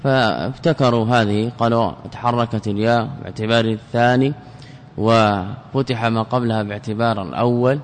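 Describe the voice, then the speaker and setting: A man's voice: medium pitch, fairly even intonation, moderate pace, a little hiss or hum. Methodical male sheikh in a reverberant hall. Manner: methodical, poses and answers his own questions, repeats words. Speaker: sheikh teaching Arabic grammar. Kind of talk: classical grammar lesson.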